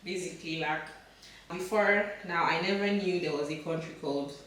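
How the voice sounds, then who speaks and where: A woman's voice: on the low side, moderate pace, a crowd in the background. A young woman from Nigeria, a student guest who chats in a rambling way while cooking in a home kitchen. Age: young adult. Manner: chatty, rambling, many "like" and "basically". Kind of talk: casual interview while cooking. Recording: echoey kitchen, camera from far off. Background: cutlery and pans clattering.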